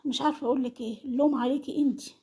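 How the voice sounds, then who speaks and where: A vlogger with an Egyptian Arabic accent scolds the parties in an online family feud, firing the same accusing questions over and over. Her voice sits high and steady, dark and husky, and she speaks at a racing speed.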